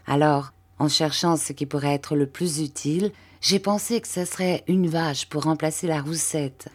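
A woman reads a classic novel aloud in a low, steady voice. She tells the story at an even, measured pace, in the manner of an audiobook. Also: breathy edge. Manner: measured storytelling, lifting her voice for quoted characters. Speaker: audiobook reader.

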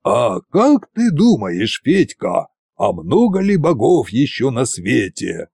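Man voicing a brooding old tsar, slow drawl, dark tone, conspiratorial, storybook. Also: mid-range voice, big pitch swings, creaky, breathy edge, dry recording, clean studio sound, heavily acted. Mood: musing.

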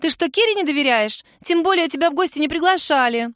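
A woman doing an excitable pushy little girl. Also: high voice, fast talker, no echo, clean studio sound, voice pushed up. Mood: chirpy, cheeky. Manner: breathless pleading, squealing enthusiasm. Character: excitable pushy young girl, adoring and nosy.

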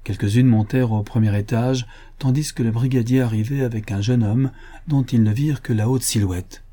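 A man narrating a classic novel as an audiobook in a steady literary reading. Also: mid-range voice, moderate pace. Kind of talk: scripted narration.

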